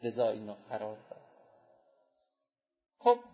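A man's voice: sing-song, husky, highs cut off, soft background music. A man preaching a sermon, telling anecdotes and acting out the people he quotes. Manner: storytelling, acts out quoted speech with raised pitch.

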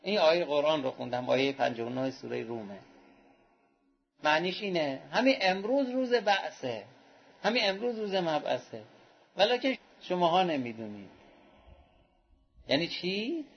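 A man's voice: sing-song, vocal fry, long pauses, dull audio. A man preaching a sermon, telling anecdotes and acting out the people he quotes. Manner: storytelling, acts out quoted speech with raised pitch.

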